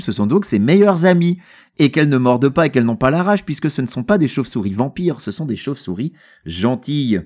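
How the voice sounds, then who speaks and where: A man's voice: mid-range voice, a little mellow. A man co-hosting a casual podcast about a novel, joking and rambling with many fillers. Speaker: podcast co-host. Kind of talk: casual book discussion.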